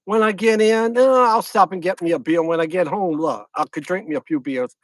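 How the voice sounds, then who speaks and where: It's night at a lakeside camp, where a middle-aged Louisiana man hosting a fishing channel chats loosely over a phone livestream. He talks briskly in a voice fairly high for a man, recorded dry and close without room sound. Rambling and repetitive, he greets viewers one after another.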